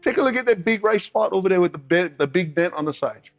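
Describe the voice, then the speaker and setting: A man from the Pacific islands preaches in a high, bright voice, full of call-and-response and playful asides. Soft music plays faintly behind him. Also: animated, fast talker, dull audio. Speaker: pastor. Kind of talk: sermon.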